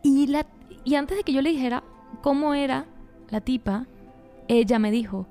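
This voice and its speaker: Young woman, lively ghost-story chat. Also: high voice, moderate pace, soft background music. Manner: animated storyteller, acts out quoted lines. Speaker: podcast co-host.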